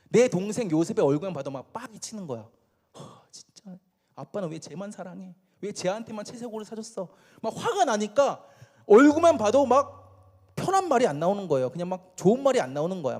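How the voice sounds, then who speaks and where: A man's voice: sits high, warm tone. A man preaching a sermon to teenagers as a youth pastor, casual and playful, often quizzing his listeners and acting out what people say. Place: church worship hall. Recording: long church hall reverb.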